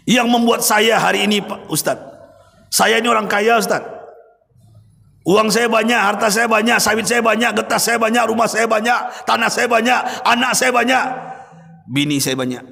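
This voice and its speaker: A man voicing a remorseful rich man in his seventies, confessing in a low pleading voice. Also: gravelly, bright, forceful tone, exaggerated voice. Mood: tearful pleading. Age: 70s. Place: mosque hall. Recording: reverberant mosque hall.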